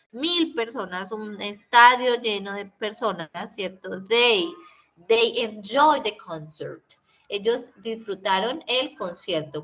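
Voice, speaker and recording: A woman with a Colombian Spanish accent teaching English in an online class, explaining in Spanish and saying English examples slowly. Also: medium pitch, fairly bright tone. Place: video call recording.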